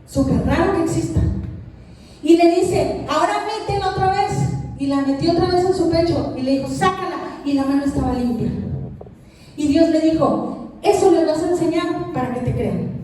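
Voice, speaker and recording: A woman's voice: high voice, a little hiss or hum. A woman preaching a sermon in a church, often asking the congregation questions. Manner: asks the congregation questions, animated. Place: church hall. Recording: echoey hall, mic at a distance.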